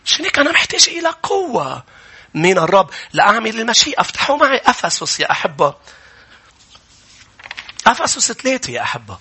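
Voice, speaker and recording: A man's voice: high-pitched, huge pitch swings, fast, pauses often, sharp tone, husky. A man with a Levantine Arabic accent preaching a sermon, emphatic, repeating key phrases and putting questions to his listeners. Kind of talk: sermon, exhorting a congregation.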